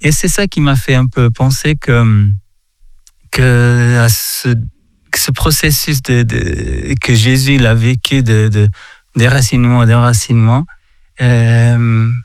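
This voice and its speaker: A man from Portugal giving a reflective faith talk, halting often and repeating words as he searches for them. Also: mid-range voice, steady tone, smooth, no echo. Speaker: speaker sharing a reflection.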